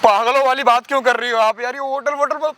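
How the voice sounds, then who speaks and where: A man's voice: extremely high pitch, fairly even intonation, fast talker, fairly bright tone, slight background noise. A young man playing a frightened student nephew who keeps pleading and protesting, often repeating himself. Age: young adult. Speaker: actor in a short drama.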